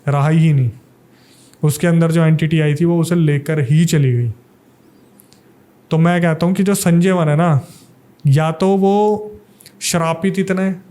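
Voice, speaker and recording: Mellow-voiced man telling a ghost story. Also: on the high side, clean tone. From Delhi. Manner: suspenseful storyteller, conversational. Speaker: paranormal investigator guest. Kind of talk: storytelling in a podcast interview.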